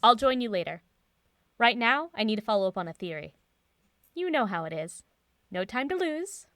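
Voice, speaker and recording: A woman acting a brisk, confident professor and mentor in an audio drama, assured and instructive. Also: on the high side, sing-song, a bit bright, no echo, studio quality. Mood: brisk, urgent.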